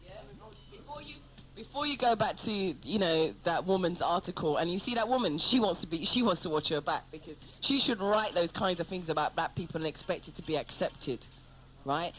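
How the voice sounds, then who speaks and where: A woman's voice: lowish voice, animated, brisk, fairly bright tone, slight background noise, low-quality recording. Argumentative woman radio co-host. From Jamaica. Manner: argumentative, insistent. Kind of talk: talk radio discussion.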